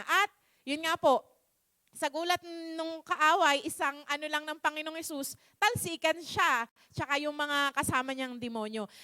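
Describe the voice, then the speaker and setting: A woman with a very high voice preaching in church, telling a story in a polite, halting way, full of fillers and restarts. The sound is dry and close. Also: pushed and bright, no room sound. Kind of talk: sermon with a story.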